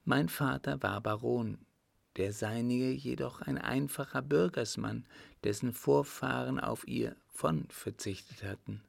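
A man's voice: creaky, dry recording. A man voicing a wistful older countess. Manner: raised pitch, softly confiding, measured. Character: wistful older widowed countess, rich and resolute. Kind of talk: audiobook reading.

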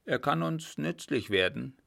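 A man voicing a sly, cheeky coachman who talks calmly and teasingly. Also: on the high side, a little slow, gravelly, pitched above the performer's own voice, full character voice.

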